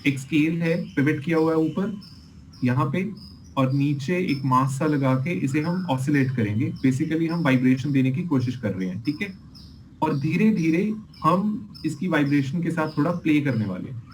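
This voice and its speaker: A man's voice: fairly high pitch, expressive, normal speed, a little hiss or hum, low-quality recording. A man teaching a class as an engineering lecturer, explaining experiment videos patiently and checking in with his students often.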